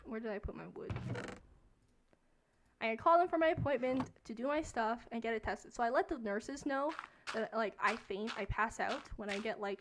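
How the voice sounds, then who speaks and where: A woman's voice: a little high, noisy background. A young woman streamer telling a story casually while she plays a game, talking in a chatty way with lots of fillers.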